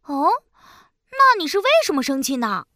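A woman's voice: high-pitched, moderate pace, dry recording, studio quality, exaggerated voice. Chirpy little squirrel, as a woman puts it on. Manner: chirpy, excited. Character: cheerful little squirrel, excited and friendly.

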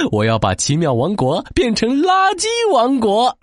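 A man's voice: very high-pitched, a bit bright, no room sound, clean studio sound, voice pushed up, heavily acted. A man voicing a giant, smelly garbage demon king in a children's storybook, speaking in bombastic, theatrical villain monologue. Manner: theatrical villain monologue with gloating laughs and wails. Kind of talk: children's audio storybook character.

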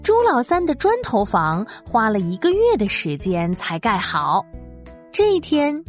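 Female narrator for children's storybook audio: fairly high voice, very animated intonation. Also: measured pace, faint music behind.

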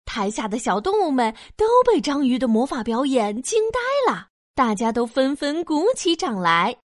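Animated, high-voiced woman narrating children's stories. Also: moderate pace, dry recording, studio quality. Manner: expressive, storytelling. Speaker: story narrator. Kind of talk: scripted children's story narration.

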